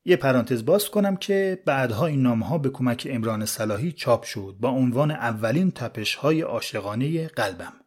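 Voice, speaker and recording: A man's voice: mid-range voice, animated, hardly any pauses, breathy edge. A man hosting a podcast, narrating a life story in a casual, conversational storytelling way.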